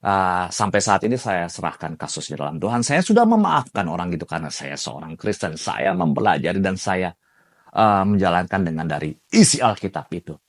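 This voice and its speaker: Man, lowish voice, personal testimony, emotional storytelling, shouts quoted lines. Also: big pitch swings, a little fast. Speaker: theology student giving a testimony.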